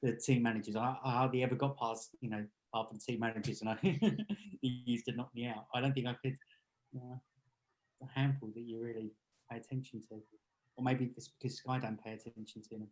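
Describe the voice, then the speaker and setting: A man's voice: mid-range voice, fairly quick, poor audio. A middle-aged man, co-hosting a casual chat podcast in a chatty, joking way. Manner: chatty, jokey, laughs often. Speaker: podcast co-host.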